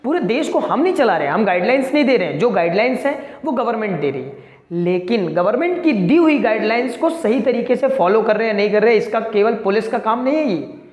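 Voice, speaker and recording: A man's voice: high-pitched, expressive, fast talker. A male commerce teacher giving an accounting lesson, mixing Hindi with English terms. He asks the class questions and answers them himself, drawing out the key words. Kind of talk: accounting lecture to students. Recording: echoey room with long reverb.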